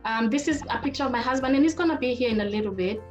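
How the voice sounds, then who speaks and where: She is a middle-aged marriage therapist from Kenya presenting a webinar on a video call, chatting informally straight to her audience. Her slightly high voice comes out rapid-fire, over soft background music and lo-fi sound.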